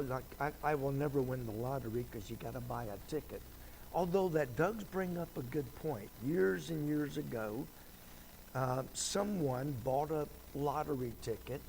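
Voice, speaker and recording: Slow-talking preacher man, somewhat high voice. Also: darkish tone, slight background noise, poor audio. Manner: slow, conversational preaching with sarcastic asides. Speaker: Sunday school teacher. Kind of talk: Bible teaching sermon.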